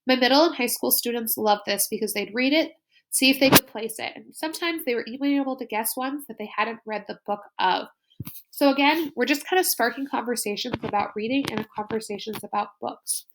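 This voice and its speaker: A woman's voice: on the high side, fairly quick, a bit bright. A woman school librarian narrating a slide presentation in an upbeat, explanatory way.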